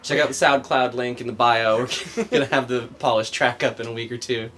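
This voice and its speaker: A man's voice: mid-range voice, steady tone, brisk, a bit bright, a little hiss or hum. A man in his thirties hosting a live game stream in casual chat, joking, laughing often and muttering to himself while he plays. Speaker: host.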